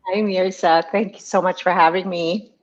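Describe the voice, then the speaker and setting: A woman guest coach answering interview questions in a warm, chatty way, laughing often and pausing with hesitations. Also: on the low side, steady tone, muffled recording.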